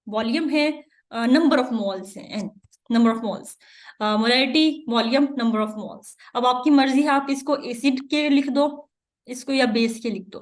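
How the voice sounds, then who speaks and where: High-voiced woman teaching chemistry. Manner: explains step by step, repeats key terms, mixes in English terms. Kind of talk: exam-prep lecture.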